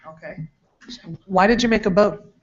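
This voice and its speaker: A woman's voice: mid-range voice, moderate pace, a little hiss or hum. Teasing, encouraging woman teacher. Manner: teasing, encouraging, talks with frequent fillers. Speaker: camp teacher. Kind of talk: questioning a student in front of a group. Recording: dull lo-fi recording.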